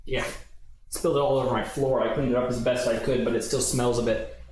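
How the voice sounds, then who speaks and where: A man with a medium-pitched, level voice talks briskly on a livestream as he cooks in his apartment kitchen. Chatty and rambling, he often interrupts himself; the audio has heavy echo and a little background noise.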